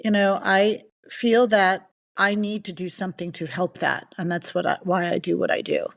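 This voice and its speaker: A woman's voice: fairly low pitch, normal speed, gravelly. Chatty middle-aged woman from the Bahamas. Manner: enthusiastic, chatty, lively storytelling. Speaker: nutrition coach guest. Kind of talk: casual podcast interview.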